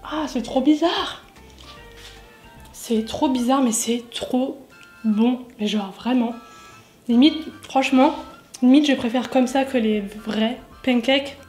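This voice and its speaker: High-voiced chatty young woman, echoey kitchen. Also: darkish tone. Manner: chatty and self-mocking, frequent fillers. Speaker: lifestyle YouTuber. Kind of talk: casual Q&A vlog while cooking. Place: home kitchen.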